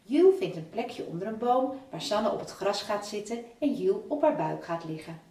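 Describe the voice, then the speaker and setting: A woman from the Netherlands reads a children's story aloud, measured and expressive, her pitch moving a lot. She sits back from the mic in an echoey room. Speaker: children's author. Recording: roomy, from a distance.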